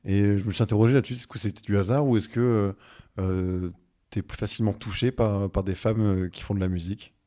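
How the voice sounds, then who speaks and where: Man, podcast host, interviewer, very deep voice, warm tone, filler-laden questions. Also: steady tone, fairly quick.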